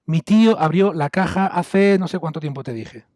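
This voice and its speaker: Brisk male teacher, raised pitch, dry sound, drills students patiently. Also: a little mellow, no echo. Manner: brisk, corrects and explains patiently. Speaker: English teacher. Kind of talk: online class, drilling students.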